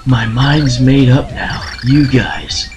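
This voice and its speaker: A man's voice: mid-range voice, very animated, slow. A man voicing a spacey, laid-back male stoner bomb creature in a video game, drawling slangy lines and tossing in made-up explosion noises, with game music playing behind.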